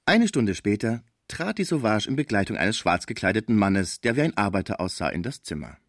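Low-voiced male audiobook narrator. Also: big pitch swings, a little fast, no echo, studio quality. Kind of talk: scripted narration.

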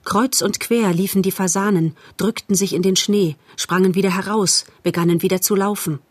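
A woman narrating a storybook in a measured, calm way. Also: medium pitch. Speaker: audiobook narrator.

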